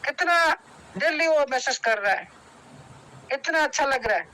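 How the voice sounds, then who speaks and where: A man speaking in an online meeting, urging his listeners to take decisions, talking in repetitive, halting bursts with restarts. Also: extremely high pitch, expressive, bright, forceful tone, poor audio. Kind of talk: motivational speech to a group. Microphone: video call.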